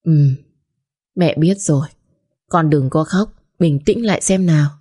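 A woman voicing an elderly mother who gently soothes and reassures her daughter. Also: low voice, unhurried, slightly rough. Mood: soothing.

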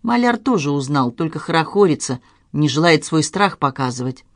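An audiobook reader narrating a detective story in a measured, even manner. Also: medium pitch, no echo, studio quality.

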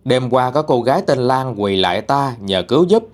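A man's voice: mid-range voice, expressive, moderate pace, lightly acted. A man voicing a stern old Taoist exorcist in a storytelling ghost tale. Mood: solemn.

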